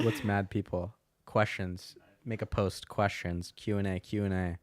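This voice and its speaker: A man's voice: fairly low pitch, fairly even intonation, measured pace, no echo, clean studio sound. A young man from North Carolina, guesting on a casual podcast, joking bluntly and laughing. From Asheville, North Carolina. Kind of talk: casual chat.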